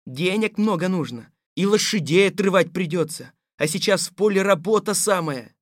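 Tsar Makar, gruff and commanding. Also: male voice, high voice, moderate pace, dry recording, clean studio sound. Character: stern but sensible tsar Makar. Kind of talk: audio fairy-tale drama.

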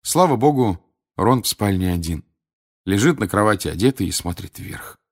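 A man narrating an audiobook, expressive, with dramatic pauses. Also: on the low side. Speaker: audiobook reader.

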